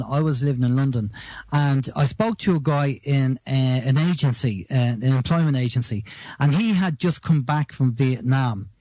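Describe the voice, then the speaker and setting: A man's voice: mid-range voice, darkish tone, dry recording. A man from Ireland who is a guest on a radio talk show, explaining and telling stories in a casual chat. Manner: storytelling, explanatory.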